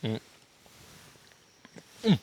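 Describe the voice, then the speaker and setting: Drawing out his words against a noisy background, a young man vlogs his travels to a handheld camera. He's slangy and relaxed, calls his audience "guys," and thinks out loud with plenty of fillers and false starts.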